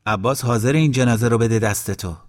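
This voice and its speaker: A man's voice: medium pitch, no echo, clean studio sound, natural voice. A man voicing a mocking young village man in a storybook reading.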